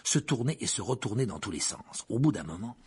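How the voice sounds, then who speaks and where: A man reading a story aloud as an audiobook narrator, with an expressive, varied delivery. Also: fairly low pitch, a little fast, slightly rough.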